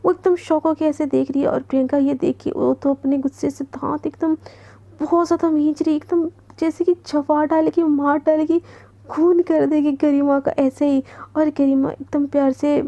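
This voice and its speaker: A woman storyteller narrating a love story in a casual, animated way, slipping English words into her talk. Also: high-pitched, normal speed. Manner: animated, mixing English into Hindi.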